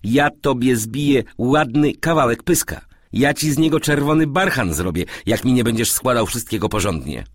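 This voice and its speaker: A man voicing a shrewd, scheming businessman who talks quickly and slyly. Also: fairly low pitch, big pitch swings, no room sound, pitched above the performer's own voice. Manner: quick, sly and scolding.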